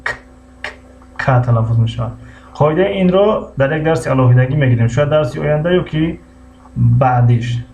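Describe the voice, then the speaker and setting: A man with a Tajik accent teaching English on a live stream, repeating each word slowly and greeting viewers by name. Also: medium pitch, gravelly, dark tone. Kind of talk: live-streamed language lesson. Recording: muffled lo-fi stream audio with faint hum.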